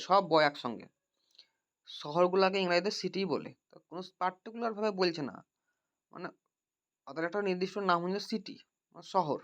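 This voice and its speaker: Man tutoring grammar with many checking questions, slightly high voice. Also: a bit bright, clear, resonant tone. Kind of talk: grammar lesson. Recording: dull lo-fi recording.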